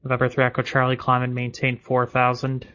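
A man's voice: medium pitch, monotone, brisk, sharp tone. A man working as an air traffic controller, giving clipped, matter-of-fact procedural instructions over radio. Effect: radio transmission. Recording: dull band-limited radio audio.

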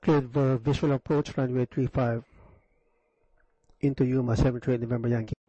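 A man's voice: mid-range voice, steady tone, moderate pace, warm tone, breathy edge, no echo, lo-fi sound. A man speaking as a pilot over a cockpit headset radio, giving clipped readbacks of aviation instructions.

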